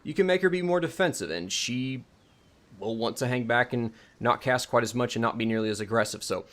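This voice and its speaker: A video host showcases his game mod in a chatty, unplanned tutorial, going off on tangents and correcting and second-guessing himself. He talks fairly quickly, with a medium-pitched, fairly bright voice.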